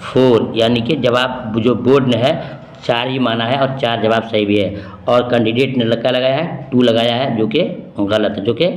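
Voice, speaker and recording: A man's voice: medium pitch, fairly even intonation, normal speed, echoey room. A man teaching, walking through an exam answer key in an emphatic way, repeating key terms and asking rhetorical questions.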